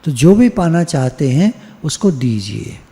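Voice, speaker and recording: Mellow-voiced older man giving a devotional talk. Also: a little high, big pitch swings, measured pace. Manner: conversational, repeats phrases for emphasis. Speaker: spiritual teacher leading satsang. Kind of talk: informal devotional talk at an online meeting. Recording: long hall-like reverb.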